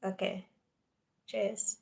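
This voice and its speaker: Woman live streamer, unhurried casual chat, slips into near whispers. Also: darkish tone. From Cameroon.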